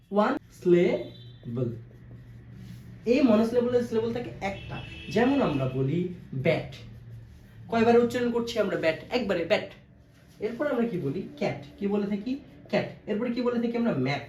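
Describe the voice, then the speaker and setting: High-voiced man teaching in an echoey room. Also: darkish tone, highs cut off. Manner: asks questions and answers them himself, repeats key terms. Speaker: English teacher. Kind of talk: classroom-style video lesson. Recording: echoey room, faint background noise.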